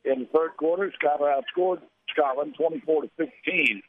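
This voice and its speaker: A man's voice: on the high side, moderate pace. An American man hosting a live radio sports broadcast, reading scores and statistics in a play-by-play commentary style over a narrow-band signal. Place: live from a high school tournament.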